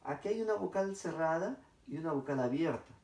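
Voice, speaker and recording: A man's voice: on the high side, expressive, darkish tone. Methodical man teaching in an echoey room. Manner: methodical, addresses class, dictates slowly syllable by syllable. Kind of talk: grammar lesson. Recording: echoey room, distant mic.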